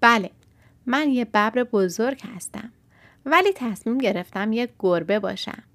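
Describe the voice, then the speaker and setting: A woman voicing a gentle, pleading tiger in a storybook reading, with dry close sound. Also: a little high, expressive, no room sound. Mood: friendly. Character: gentle tiger wishing to be a cat.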